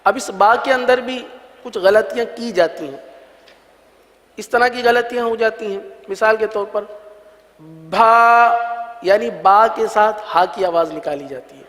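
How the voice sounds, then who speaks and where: A man teaching a religious recitation lesson, patiently sounding out each letter slowly and repeating it for learners to copy. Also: sits high, fairly bright tone, in a large hall.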